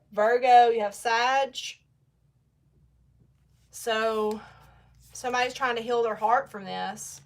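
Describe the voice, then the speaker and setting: A young woman giving a casual tarot reading, chatty and blunt, talking straight to her viewers. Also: on the high side. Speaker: tarot reader.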